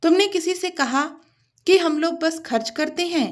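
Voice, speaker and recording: A woman's voice: extremely high pitch, measured pace, pitched above the performer's own voice. A woman voicing a stern elderly mother-in-law who speaks harshly.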